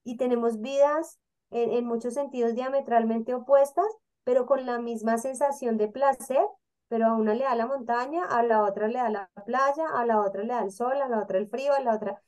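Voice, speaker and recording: A woman co-hosting a casual panel talk, explaining emotions in an animated way and acting out the people she quotes. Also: a little high, brisk. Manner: animated, acts out quoted voices. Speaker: co-host.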